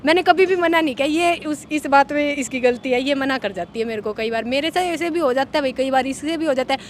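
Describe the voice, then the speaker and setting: Young woman talking fast in a high voice, chatty, outdoors with faint traffic behind. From Haryana, India. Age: young adult. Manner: chatty and laughing, often says "bhai". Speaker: interviewee, elder of two dancing sisters. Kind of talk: casual interview chat.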